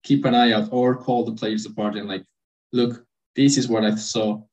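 A podcast host giving relaxed opinions in a casual interview, repeating phrases. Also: mid-range voice, moderate pace, low-quality recording.

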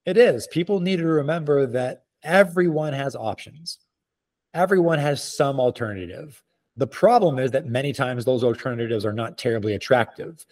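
A man speaking as an expert interview guest, explaining in articulate, measured, formal phrasing. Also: medium pitch, darkish tone.

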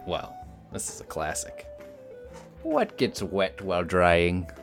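A man's voice: deep voice, huge pitch swings, slow, soft background music. A man hosting a riddle game, reading riddles theatrically and giggling between them.

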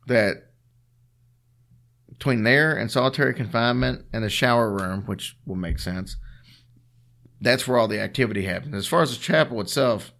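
A man's voice: mid-range voice, moderate pace, gravelly, pauses often, a bit bright. A man co-hosting a show, telling stories in a casual, chatty way with a dry, teasing manner. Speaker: podcast co-host telling ghost stories. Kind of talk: casual storytelling chat.

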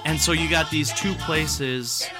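A man's voice: fairly high pitch, steady tone, slow pace, over loud music. A man hosting a podcast, reading scripted introductions and informative narration about his guest. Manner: informative, reads prepared segments. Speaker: podcast host.

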